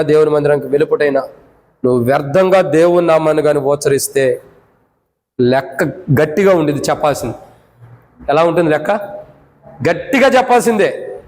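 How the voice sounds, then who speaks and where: Emphatic high-voiced male preacher. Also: long reverb tail, poor audio. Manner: emphatic, repeats phrases, swings between raised and hushed delivery. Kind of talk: sermon.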